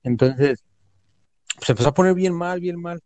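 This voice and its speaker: A man's voice: a little high, moderate pace, darkish tone, no echo. A man with a Mexican Spanish accent telling a story in casual conversation, slangy and emphatic, repeating words for weight.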